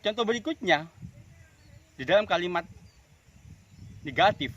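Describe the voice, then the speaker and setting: A man teaching English pronunciation, slowly repeating example sentences in drills. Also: high-pitched, animated, a bit bright, lo-fi sound, slight background noise. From Indonesia. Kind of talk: pronunciation lesson.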